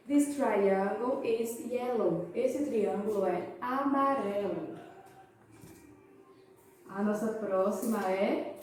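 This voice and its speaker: A woman's voice: mid-range voice, warm tone. Brazilian woman teaching, echoey room. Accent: Brazilian Portuguese. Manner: slow, exaggerated pronunciation of English words; asks and answers her own questions to the viewers. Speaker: English teacher. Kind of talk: children's language lesson. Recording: echoey room, far from the mic.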